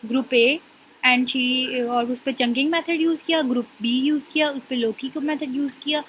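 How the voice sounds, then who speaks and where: Young woman tutoring, high voice, quick explaining then slow careful reading, faint hiss behind. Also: fairly even intonation, a bit bright, poor audio. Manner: reads English definitions slowly, explains in quick Urdu with restarts. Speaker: tutor explaining an assignment solution. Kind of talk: casual tutorial walkthrough.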